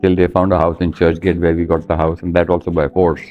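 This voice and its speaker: Here a deep-voiced man in his 70s from India talks quickly and with a fairly flat pitch, sharing stories from his life as a guest in an interview. His Indian-accented delivery is conversational, plain-spoken and full of anecdotes. It sounds like a phone recording, and music plays faintly behind him.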